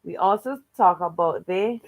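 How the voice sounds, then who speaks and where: Greeting viewers and recapping stories, a woman hosts a read-aloud livestream for children. Her voice is lowish at a normal speed, and she's encouraging, with a fondness for repeating the same welcome phrases.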